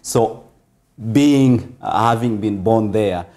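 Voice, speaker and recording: A man from Congo, the guest of an interview, speaking in a measured way with pauses and fillers. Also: fairly low pitch, a little mellow. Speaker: interview guest, foundation founder. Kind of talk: casual interview talk.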